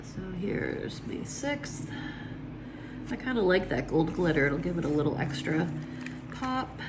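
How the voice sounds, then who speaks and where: Her voice is on the low side and froggy from allergies, yet very animated, coming at a measured pace over a very noisy recording. A planner vlogger, she chats casually with plenty of fillers as she crafts, placing stickers while setting up her planner.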